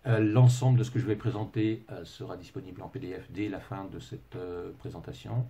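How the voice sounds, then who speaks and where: Gravelly deep-voiced Englishman presenting a webinar. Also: steady tone, a little fast, dark tone, a little hiss or hum. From England. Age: middle-aged. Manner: hesitant, heavy with filler sounds and restarts; dry self-mocking humor.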